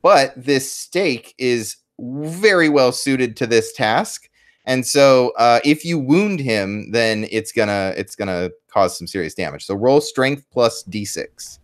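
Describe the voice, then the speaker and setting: A man's voice: mid-range voice, expressive, takes it slowly. A man running a tabletop game as game master, chatty and full of fillers and restarts.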